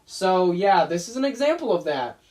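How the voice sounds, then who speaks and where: A man's voice: high voice, sing-song, normal speed, darkish tone. A young man casually commenting on his own old videos, rambling, laughing and mocking himself. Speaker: YouTube animator reacting to his old videos.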